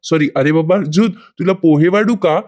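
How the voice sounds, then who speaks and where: Doting mother, gentle and unhurried, voiced by a woman narrator. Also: low-pitched, close to an everyday voice. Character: kindly mother offering food.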